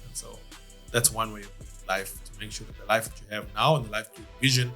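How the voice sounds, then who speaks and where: Animated comedian, casual chat. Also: male voice, fairly low pitch, fast talker, soft background music. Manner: animated storyteller who acts out what people said. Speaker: comedian guest. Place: podcast studio.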